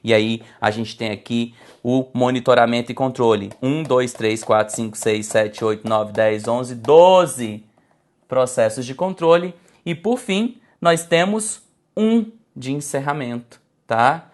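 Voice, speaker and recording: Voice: mid-range voice, unhurried. A teacher delivers a recorded slide lecture for exam preparation. The delivery is didactic and repetitive, often calling the class "gente" and checking in with "tá?". Intonation is stretched and shifted on purpose to make points. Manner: didactic, addresses class as "gente", frequent "tá?" and "olha só". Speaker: exam-prep instructor.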